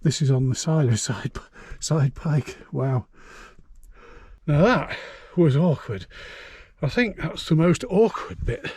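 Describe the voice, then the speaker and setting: A man, filming himself on an exposed fell and chatting casually about the route, rambling and unhurried with frequent hesitations. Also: fairly high pitch, expressive, slightly rough, dry recording. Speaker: hillwalking vlogger. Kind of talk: casual walking commentary. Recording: loud wind noise on the mic. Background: gusting wind.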